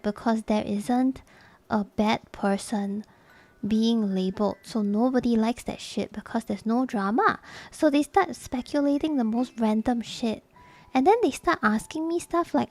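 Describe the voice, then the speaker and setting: A woman's voice: fairly high pitch, dark tone. A young adult woman streamer chatting casually and candidly with her viewers, laughing often and swearing freely.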